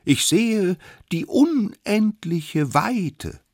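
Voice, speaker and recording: Squeaky little caveman kid, know-it-all, way up high, husky edge, dry sound. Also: huge pitch swings, fairly bright tone, dry recording, exaggerated voice. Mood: cocky. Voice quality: squeaky, drawn-out and shrill. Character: boastful know-it-all smallest caveman child. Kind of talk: storybook read-aloud.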